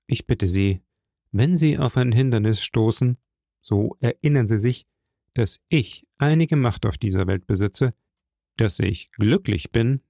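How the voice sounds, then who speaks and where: A man voicing a calm, powerful count who speaks softly and measuredly. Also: mid-range voice, gravelly, no room sound, studio quality. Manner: soft, measured, gently smiling. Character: calm, powerful middle-aged count, gentle and mysterious.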